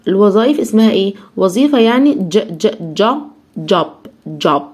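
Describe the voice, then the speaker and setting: A young Egyptian woman teaching children English, breaking each word into slow syllables and repeating it many times. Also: mid-range voice, expressive, darkish tone, breathy edge. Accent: Egyptian Arabic. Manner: drills each word slowly, syllable by syllable, over and over.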